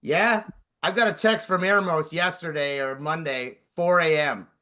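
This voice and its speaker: A man with a somewhat high, bright, forceful voice leads a casual group call. He is upbeat, swears freely and keeps the others talking. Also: a little slow. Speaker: coaching group leader.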